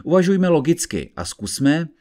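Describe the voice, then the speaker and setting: A man voicing a calm, methodical investigator who explains his reasoning step by step in an audiobook reading. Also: a little high, pitched above the performer's own voice. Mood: measured.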